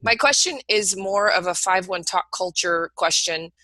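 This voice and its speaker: Bright-voiced woman with a dry sound. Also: fairly low pitch, expressive, moderate pace, dry recording, poor audio. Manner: thoughtful, questioning. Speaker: online English teacher. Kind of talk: casual panel discussion.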